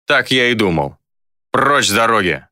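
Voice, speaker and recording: A man's voice: lowish voice, sing-song, normal speed, sharp tone, no room sound, studio quality, heavily acted. Menacing shadow captain, barking orders, as a male narrator puts him on. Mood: dismissive. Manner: barking, authoritative.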